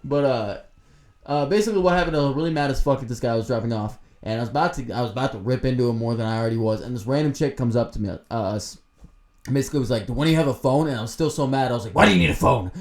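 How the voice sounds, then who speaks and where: A man's voice: medium pitch, rapid-fire, darkish tone. A young man co-hosting a casual podcast, telling crude, rambling stories with lots of laughter. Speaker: podcast co-host.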